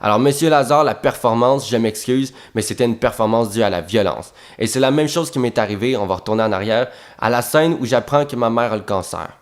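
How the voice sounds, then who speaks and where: Animated young Québécois man ranting. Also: mid-range voice, a little fast, few pauses. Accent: Québécois French. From Quebec. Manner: animated, profane, repeats words for emphasis. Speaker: actor telling anecdotes. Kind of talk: casual storytelling monologue.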